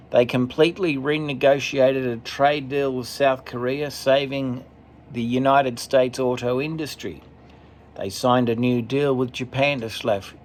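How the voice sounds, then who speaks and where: A man commentating as he reads a list off a screen, steady, with occasional stumbles and asides. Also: mid-range voice, slight background noise. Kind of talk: reading from a screen, casual commentary.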